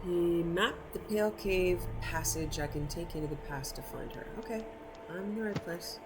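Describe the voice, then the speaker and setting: Woman game streamer, lowish voice, chatty and informal, playthrough commentary over very loud game ambience. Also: moderate pace, background noise. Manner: chatty, informal, talking to herself. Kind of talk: casual gameplay commentary.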